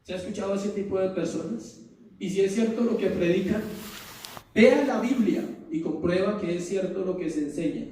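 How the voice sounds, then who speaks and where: A man preaching a sermon as pastor, asking the congregation rhetorical questions and pausing for effect. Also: high-pitched, mellow, slight background noise. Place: church hall. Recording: echoey church room from far off.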